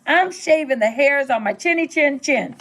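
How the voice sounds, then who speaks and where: Brief: a woman playing a rude, grumpy storybook pig, curt and high. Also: expressive, moderate pace. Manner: curt, dismissive shouting. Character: grumpy rude male pig shouting from inside his house.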